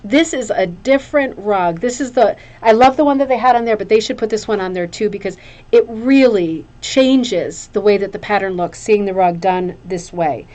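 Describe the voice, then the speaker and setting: A woman's voice: mid-range voice, normal speed, a little mellow. A woman hosting a craft show in a casual, chatty way, gushing and rambling, often repeating phrases for emphasis. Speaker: craft show host presenting viewers' hooked rugs.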